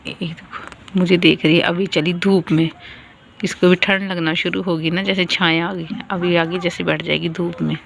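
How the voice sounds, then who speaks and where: A tired young mother talks casually into a handheld phone outdoors on a rooftop. Her voice sits in a middle pitch and stays fairly flat, with some faint outdoor noise behind it. She keeps things soft and chatty so she won't wake the baby. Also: moderate pace, creaky. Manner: chatty, talking softly to avoid waking a baby. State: tired, sleepy. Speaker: vlogger, mother. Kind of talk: casual family vlog talk.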